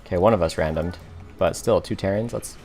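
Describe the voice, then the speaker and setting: A man giving relaxed gameplay commentary, talking to himself and explaining each move as he plays. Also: deep voice, fairly quick, faint music behind. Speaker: gaming commentator.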